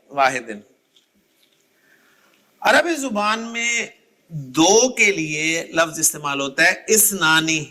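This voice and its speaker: Patiently teaching Arabic grammar in a lecture, a man calls students by name to recite word endings. His voice sits high and sounds pushed and bright.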